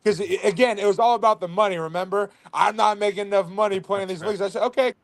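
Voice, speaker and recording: A man on a video call brags and trash-talks his rival, swearing freely. His voice sits fairly high for a man and comes fast and combative. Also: fairly even intonation, gravelly. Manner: boastful, brash, swearing. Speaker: guest player calling in. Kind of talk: trash-talking casual chat.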